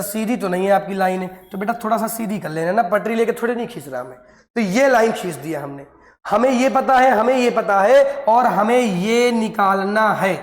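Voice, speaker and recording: A male teacher giving a lesson, coaxing his students and answering his own questions. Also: high-pitched. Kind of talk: classroom lesson. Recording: echoey, reverberant room.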